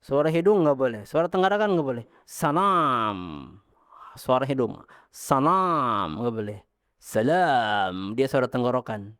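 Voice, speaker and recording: A man teaching Arabic pronunciation, modeling syllables slowly for his students to repeat, then correcting and praising them patiently. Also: medium pitch, dry recording, clean studio sound. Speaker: Islamic teacher.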